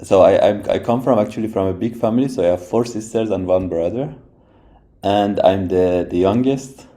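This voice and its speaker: Guy from iran, kinda low and mellow voice, keeps saying "right?" while he tells his story. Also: normal speed. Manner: thoughtful, many restarts and "right?" tags. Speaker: guest, robotics professor. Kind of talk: casual interview talk.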